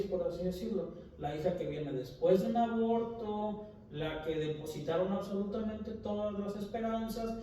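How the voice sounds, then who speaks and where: Guy doctor telling patient stories, high mellow voice, acts out the dialogue, far from the mic. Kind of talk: casual storytelling about clinical cases. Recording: very echoey room, distant mic, faint noise.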